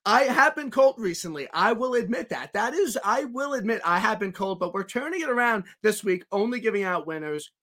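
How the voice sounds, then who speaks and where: A man's voice: high voice, animated, fairly quick, hardly any pauses, bright, forceful tone. A man hosting a podcast, chatting casually and teasing his guest with jokes and stammered restarts. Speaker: podcast host.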